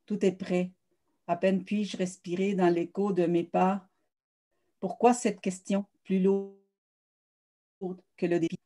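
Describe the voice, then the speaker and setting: Woman, poet reading her own work, even and level delivery, warm dark tone. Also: mid-range voice, slow pace, long pauses. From South America. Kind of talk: poetry reading.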